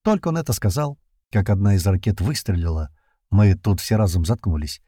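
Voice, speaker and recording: Man narrating with a dark, low voice. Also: big pitch swings, brisk, husky, no room sound, clean studio sound. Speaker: audiobook narrator. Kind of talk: first-person audiobook narration.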